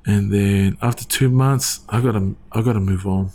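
Speaking at a normal speed with fairly even intonation, a man in his forties tells his church story in a loose, rambling way. His lowish voice is mellow, and he keeps checking in with "you know what I mean?" as he gives his casual testimony.

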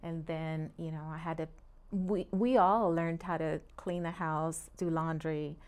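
A woman's voice: low voice, fairly even intonation, a little slow, clear, resonant tone. A middle-aged woman from Puerto Rico, a real estate agent guest talking earnestly and in detail in a casual interview, often laughing between points.

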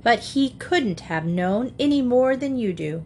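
A woman reading aloud voices a lively, confident young girl who speaks blithely and with impatient scorn. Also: on the high side, a little slow, a little hiss or hum, voice pushed up. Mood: scornful.

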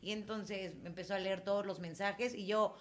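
Woman, Mexican accent, young adult, casual podcast host, animated storyteller. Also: mid-range voice, moderate pace. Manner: animated storyteller, acts out quoted voices.

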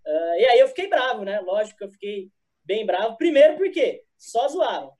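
A man's voice: high voice, animated, moderate pace, a little mellow. A man guest telling his own version of a story in a chatty, slightly sheepish way. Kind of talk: casual storytelling.

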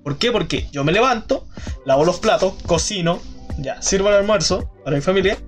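A man's voice: high voice, lively intonation, brisk, soft background music. A young man from southern Chile with a Chilean accent, hosting a casual podcast chat, rambling with many fillers and restarts. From Aysén region, southern Chile. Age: young adult. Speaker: podcast host, student.

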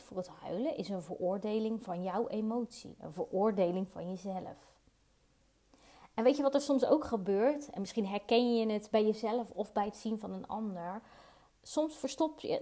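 A woman's voice: medium pitch, darkish tone. A woman hosting her own podcast, talking earnestly and personally about emotions, with fillers and repeated words. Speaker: podcast host. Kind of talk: reflective solo podcast talk. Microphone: podcast mic.

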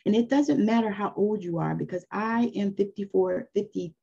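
A woman's voice: mid-range voice, normal speed, vocal fry, dark tone, slightly rough, dull audio. A woman in her fifties giving an earnest, encouraging spoken lesson on spiritual growth in a loose, conversational way. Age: 50s. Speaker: spiritual teacher.

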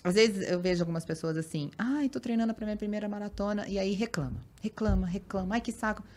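A woman who runs marathons and works as a fitness influencer, chatting as a podcast guest and telling stories with lively acted-out quotes. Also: mid-range voice, fast talker. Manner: animated storytelling, acts out quoted remarks, frequent "né" and "então, assim". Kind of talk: casual podcast conversation.

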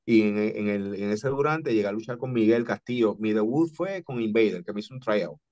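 Man, mid pitch, halting repeats, dull lo-fi dry recording. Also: lively intonation, darkish tone, dry recording. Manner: halting, repeats words when starting. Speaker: professional wrestler. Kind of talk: casual chat, recalling. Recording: dull lo-fi sound.

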